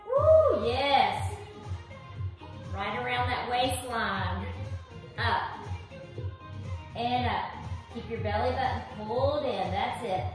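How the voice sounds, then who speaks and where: A woman's voice: fairly high pitch, slow, long pauses. A woman working as an aerobics instructor, cueing and counting exercises with encouragement as she does them herself in a living room. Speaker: aerobics instructor leading a core workout. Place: living room with hard wood floor, indoors. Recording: very echoey room, faint music behind.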